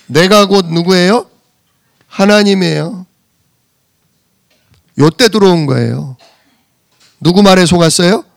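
A man's voice: high-pitched, gravelly, no echo. A man preaching a sermon, asking rhetorical questions and answering them himself, with emphatic bursts. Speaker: pastor.

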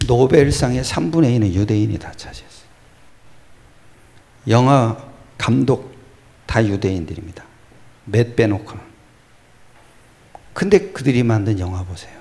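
Pausing often, a pastor preaches in a mid-range voice at normal speed. He goes from loud exclamations to whispered lines and answers rhetorical questions he sets up himself.

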